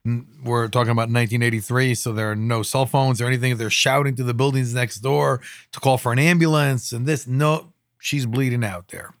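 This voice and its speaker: A man of about fifty from Israel, a podcast co-host, telling personal stories casually and haltingly. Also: mid-range voice, steady tone, no echo, clean studio sound. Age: around 50. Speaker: podcast co-host and emergency responder.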